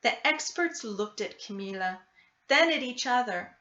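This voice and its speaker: A woman reading a children's picture book aloud expressively, with deliberate dramatic emphasis. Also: a little high, animated, pushed and bright. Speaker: storybook reader. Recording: roomy, slightly dull sound.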